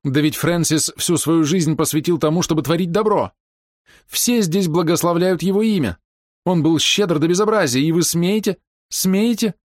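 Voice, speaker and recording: Guy doing a high-pitched older lady, proud and upset, pleading then snapping, dry close sound. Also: a little fast, no echo, lightly acted. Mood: outraged. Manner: pleading, indignant, breaking into outbursts. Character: proud distraught older woman, fiercely defending her brother.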